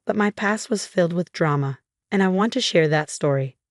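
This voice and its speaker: A woman reading a scripted first-person story in a steady, even manner. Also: lowish voice, moderate pace, no room sound, studio quality. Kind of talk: scripted narration.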